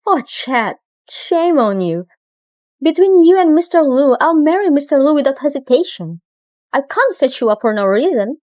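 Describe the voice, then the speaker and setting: A composed, cutting young woman who stays firm and cool. The voice is high and sits close in a dry recording. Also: sing-song, moderate pace, darkish tone, no room sound. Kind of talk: dubbed drama acting.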